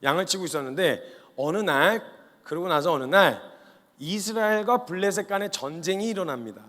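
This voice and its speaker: A male missionary preaching a lively revival sermon to a youth camp, telling the story in animated, colloquial style and acting out the dialogue. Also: high-pitched, fairly quick. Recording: long reverb of a large hall.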